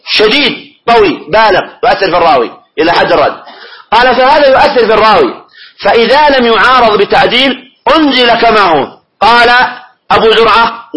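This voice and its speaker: Male classroom teacher, high and bright tone, reads and explains, keeps checking students with questions. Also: low-quality recording. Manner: quizzes students with prompting questions. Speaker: teacher of hadith studies. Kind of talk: classroom lecture, reading a text and explaining it.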